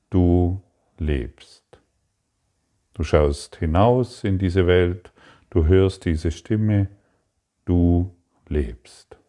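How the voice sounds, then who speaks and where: A man giving a spoken spiritual lesson, calm and repetitive, addressing the listener directly. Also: deep voice. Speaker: spiritual teacher.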